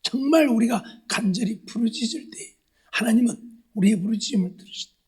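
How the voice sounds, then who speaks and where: A man preaching a sermon at a Friday prayer meeting, acting out the voices he quotes and swinging from hushed asides to loud exhortation. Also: very high voice, expressive, fairly quick, husky. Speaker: pastor. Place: church sanctuary.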